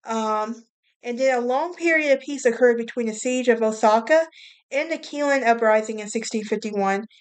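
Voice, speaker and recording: A woman hosting a casual history podcast, chatty, tripping over names and laughing at herself. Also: fairly high pitch. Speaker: podcast host.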